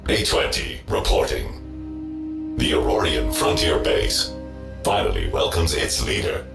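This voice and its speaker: A man's voice: very deep voice, vocal fry, heavily acted. A man voicing a rusty, malfunctioning male robot assistant in a video game who reports formally and loyally to his leader. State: glitching, stuttering on boot-up. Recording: roomy echo with game music.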